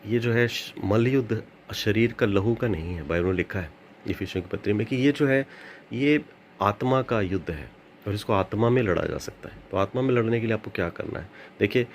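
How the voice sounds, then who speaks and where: A man's voice: lowish voice, fairly quick, slight background noise. A man preaching an earnest sermon as a pastor, repeating phrases and slipping into English now and then.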